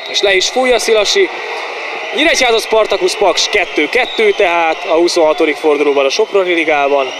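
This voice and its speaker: A man giving excited, partisan live football commentary in short exclamations and repeated player names, as a home-side commentator. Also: high voice. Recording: noisy outdoor stadium sound.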